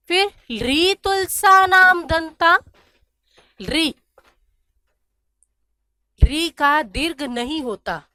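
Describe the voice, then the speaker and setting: High, bright-voiced woman teaching slowly. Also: clean tone, no echo. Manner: drills syllables slowly, asks and answers her own questions. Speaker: Sanskrit teacher. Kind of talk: grammar lesson.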